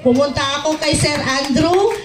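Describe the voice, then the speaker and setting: Middle-aged woman, personal testimony, acts out the dialogue, high voice, echoey room, far from the mic. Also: normal speed, crowd noise. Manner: retells events by acting out quoted dialogue. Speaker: product user giving a testimony.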